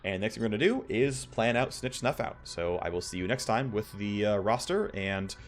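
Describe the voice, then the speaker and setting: A man's voice: fairly low pitch, moderate pace. A man giving offhand playthrough commentary on a video game, thinking aloud as he goes. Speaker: gaming video host.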